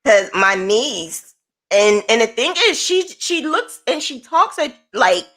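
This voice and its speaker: A woman's voice: on the high side, slow. A woman, chatting casually as a guest and often laughing as she tells stories. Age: 40s. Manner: laughs often, animated storytelling. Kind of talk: casual chat.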